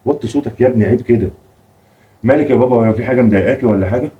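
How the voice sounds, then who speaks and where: A man's voice: medium pitch, far from the mic, phone-quality sound, very noisy. A man with an Egyptian Arabic accent playing a flustered, placating father in a family comedy sketch. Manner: fast-talking, flustered and placating. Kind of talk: comic home sketch acting.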